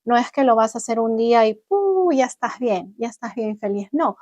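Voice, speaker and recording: Woman, vlogger, personal storytelling, animated, higher voice, dry close sound. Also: normal speed, dry recording. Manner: animated, acts out her own past words. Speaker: vlogger sharing her own experience.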